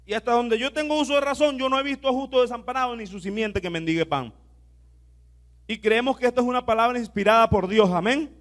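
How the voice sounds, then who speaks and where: A male pastor preaching a sermon, leading the congregation in repeating phrases and moving between soft asides and loud declarations. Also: very high-pitched, quick pace. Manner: exhorting, has the congregation repeat phrases aloud. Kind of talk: sermon with call-and-response.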